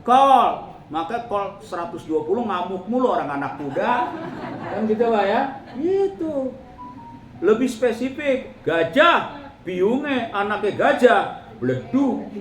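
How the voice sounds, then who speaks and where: A middle-aged man preaching a humorous religious talk to a congregation in a mosque, lively and joking as he addresses his listeners directly. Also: high voice. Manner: lively, joking, addresses the audience as ladies and gentlemen. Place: mosque hall. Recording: echoey hall with faint ambience.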